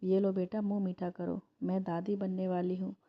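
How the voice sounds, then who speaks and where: A woman voicing a gentle, caring older mother who is about to become a grandmother. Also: fairly low pitch, level tone, moderate pace. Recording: dull lo-fi recording.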